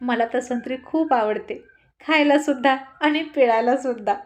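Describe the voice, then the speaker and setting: A woman's voice: sits high, normal speed, darkish tone, lightly acted. A woman storyteller voicing a playful, mischievous husband who loves to joke and tease his wife. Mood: teasing. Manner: joking, mischievous banter. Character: playful teasing husband, grown man.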